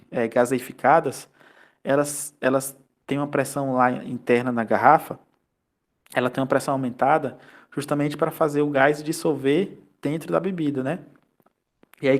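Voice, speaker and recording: A Brazilian man teaching a chemistry class online, explaining step by step with rhetorical questions and quick checks for understanding. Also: on the high side, vocal fry. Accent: Brazilian Portuguese. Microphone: computer mic on a video call.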